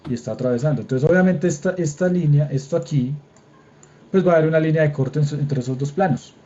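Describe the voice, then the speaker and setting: Speaking quickly in a fairly high voice with a dark tone, this young man with a Colombian Spanish accent leads an online engineering drawing lecture while demonstrating on screen. He's relaxed and patient, frequently asking if students keep up, and his video call computer mic gives slightly dull sound.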